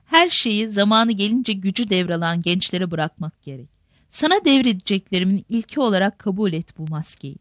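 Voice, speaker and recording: A woman voicing a weary, resigned older male sea merchant uncle in a storybook reading, speaking gravely. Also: medium pitch, expressive, fairly quick, fairly bright tone, no echo, clean studio sound, lightly acted.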